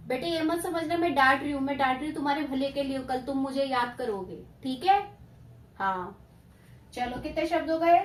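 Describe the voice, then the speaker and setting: A woman's voice: sits high, a little fast, few pauses, echoey room, far from the mic, slight background noise. A woman tuition teacher dictating spelling to children, stern yet coaxing, stretching out syllables as she dictates.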